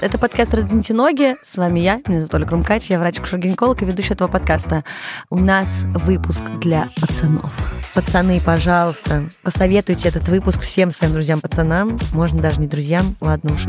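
A woman's voice: lowish voice, steady tone, fast talker, music in the background. A woman hosting a podcast in a studio, chatting off the cuff in a candid, playful, rambling way. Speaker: podcast host, obstetrician-gynecologist. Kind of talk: casual, unscripted podcast chat.

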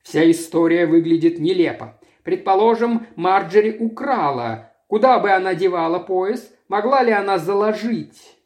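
A man's voice: sits high, animated, normal speed. Heated, indignant young man, voiced by a male narrator. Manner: heated, protective.

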